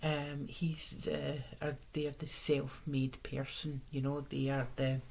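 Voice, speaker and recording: A Scottish woman speaks in a low voice made hoarse by a sore, swollen-sounding throat. She chats casually as a tarot reader, drifting into little asides. A light background noise sits behind her. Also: little pitch movement, slow, darkish tone. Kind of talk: casual chatty tarot reading.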